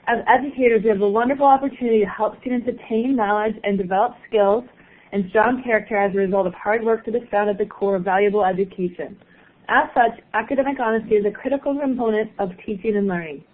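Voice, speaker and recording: Upbeat female host reading an introduction, slightly high voice, tinny phone-like audio. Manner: upbeat, laughs at own slips. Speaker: webinar host.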